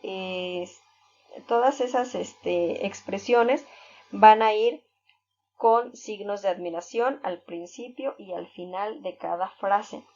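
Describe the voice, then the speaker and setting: Slow, patient woman teaching a lesson. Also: medium pitch, darkish tone. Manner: patient, explains step by step with examples; fills pauses with "este". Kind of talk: recorded reading-skills lesson. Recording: dull lo-fi recording.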